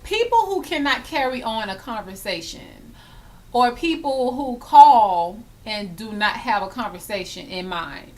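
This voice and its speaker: A woman's voice: on the high side, lively intonation, a little slow. A woman in her thirties, a hair vlogger, chatting casually and emphatically while acting out little scenes. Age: 30s. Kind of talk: casual chatty vlog tag.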